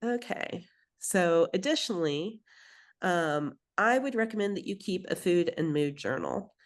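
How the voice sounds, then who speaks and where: A woman's voice: on the low side, animated, measured pace. A woman who grew up in Belgium leads a group session as a program coach. She talks conversationally, fills her sentences with "like" and "um", and stops to ask the group for questions. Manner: conversational, many fillers, addresses the group.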